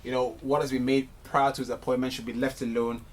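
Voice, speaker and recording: A man's voice: mid-range voice, flat delivery, fast talker, a little hiss or hum. A man hosting a casual football talk show, hesitant with many fillers as he sets up questions. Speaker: show host. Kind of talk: casual sports chat.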